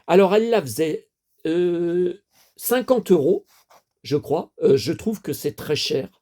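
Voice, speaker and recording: A man's voice: high-pitched, lively intonation, takes it slowly, dark tone. A man in his fifties, a collector chatting casually to camera, rambling and repeating himself with many fillers. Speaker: toy collector vlogger.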